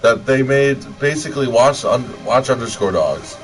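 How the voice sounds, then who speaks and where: A Michigan game livestreamer with an American accent rambles casually, joking and swearing sardonically in banter between friends. His voice is medium-pitched at a moderate pace, with a little hiss or hum. The mic is distant, and music plays in the background.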